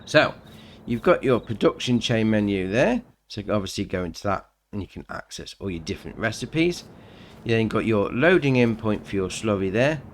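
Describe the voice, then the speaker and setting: A man's voice: lowish voice, expressive, moderate pace, slight background noise. Chatty man reviewing game mods. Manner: chatty, upbeat, says "right, next up" and "very nice". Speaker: gaming channel host. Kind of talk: casual game mod review.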